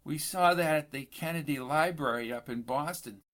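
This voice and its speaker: Blunt woman tourist with a squeaky voice, male narrator doing her, for an audiobook. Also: moderate pace, a bit bright, lightly acted.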